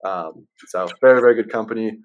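Male sales rep guest, fairly low voice, conversational and easygoing, explains like a practiced seller. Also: fairly quick, narrow, tinny audio. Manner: easygoing, salesman-like explaining, says man and right often. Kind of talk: casual chat.

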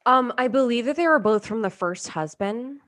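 A woman's voice: fairly high pitch, animated, moderate pace, fairly bright tone, dry recording, clean studio sound. A young woman hosting a casual podcast, telling a history story in a joking, chatty way and swearing freely. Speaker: podcast host.

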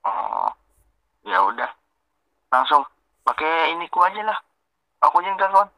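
Young man, over the phone, easygoing short answers, very bright voice, dry sound. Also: a little high, sing-song, normal speed, no room sound. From Jakarta, Indonesia. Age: young adult. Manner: laid-back, short replies. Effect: heard over a phone call. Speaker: podcast guest. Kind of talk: casual chat. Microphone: phone line.

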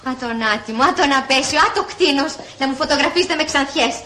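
An actress playing a jealous, hot-tempered wealthy wife in an old comedy film, exclaiming theatrically. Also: female voice, sits high, sharp tone, a little hiss or hum. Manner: theatrical, exclaiming, quick to threats. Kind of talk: 1960s comedy film acting.

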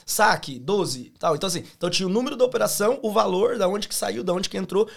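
A Brazilian man in his thirties, a podcast guest and former bank teller, telling animated stories in casual chat, slangy and often restarting his sentences. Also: high-pitched, fast talker, creaky.

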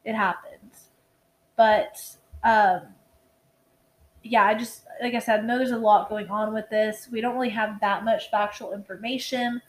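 A woman's voice: medium pitch, fairly even intonation, unhurried, low-quality recording. A tired young woman co-hosting a casual true-crime podcast, rambling, swearing and restarting her sentences. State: tired, yawning. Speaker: podcast co-host.

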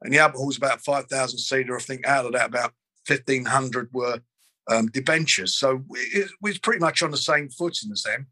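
Older man, husky and close-miked, rambling guest recalling the past. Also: medium pitch, brisk, pushed and bright, no room sound, low-quality recording. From London. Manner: rambling, frequent restarts and fillers. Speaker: boxing promoter. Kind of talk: interview, reminiscing.

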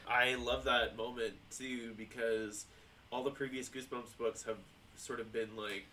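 A man's voice: mid-range voice, little pitch movement, measured pace, sharp tone, recorded from a distance, slight background noise. A man co-hosting a podcast, chatting loosely about a book and swearing freely. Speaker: podcast co-host. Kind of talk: casual book discussion.

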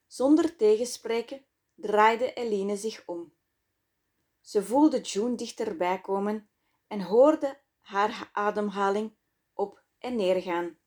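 Woman reading her own audiobook, real slow and intimate, middle pitch. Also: darkish tone. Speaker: author and narrator. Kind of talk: scripted audiobook narration.

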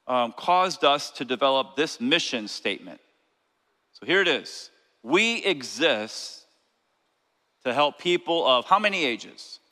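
A man's voice: mid-range voice, sharp tone. A male pastor preaching a sermon, calling out to the congregation with rising fervor. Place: church sanctuary. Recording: long church hall reverb.

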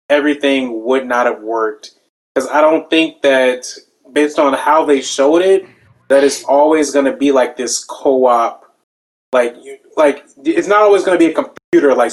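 A man's voice: medium pitch, measured pace, poor audio. A man co-hosting a casual gaming chat, talking in slang and repeating himself for emphasis. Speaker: podcast co-host.

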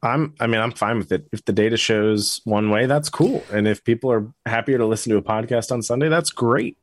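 A man's voice: medium pitch, a little fast, no echo. A man co-hosting a dad podcast from home over a call, easygoing and agreeable. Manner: easygoing, agreeable, laid-back. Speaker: podcast co-host. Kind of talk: casual chat. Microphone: remote call recording.

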